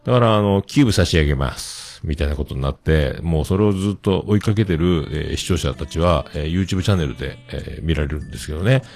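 A man in his forties hosting a casual solo podcast, rambling and self-deprecating, with many drawn-out fillers. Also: a bass voice, a little mellow. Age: 40s. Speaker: podcast host.

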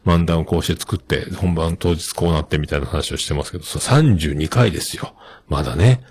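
A man's voice: very deep voice, a little fast, darkish tone, slightly rough. A middle-aged man hosting a podcast, chatting casually and rambling with many fillers as he reads listener mail. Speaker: podcast host.

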